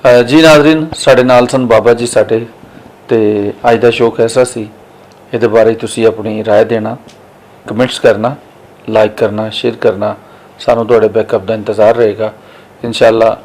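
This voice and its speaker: A man's voice: fairly low pitch, fairly even intonation, normal speed, darkish tone, low-quality recording. A man hosting the show, speaking directly to viewers as he closes the episode. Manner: addresses the audience directly. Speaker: host.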